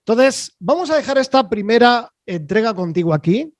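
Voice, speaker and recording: A man hosting an online interview over a video call, chatty and rambling, filling pauses with "eh" and checking in with "¿vale?". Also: very high-pitched, expressive, dry recording. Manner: chatty, rambling, with frequent fillers and "¿vale?" tags. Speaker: host.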